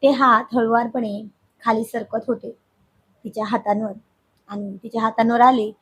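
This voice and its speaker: Woman reading a love story, hoarse and husky, a bit high. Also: flat delivery, moderate pace, a bit bright. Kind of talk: narration of a romantic family story.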